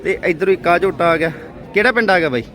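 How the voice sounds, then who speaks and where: Fast-talking and high-pitched with a fairly bright tone, a Punjabi-accented man hosts an on-the-spot vlog from a livestock fair outdoors. He chats familiarly with farmers and comments as he goes, while crowd and street sounds carry in the background.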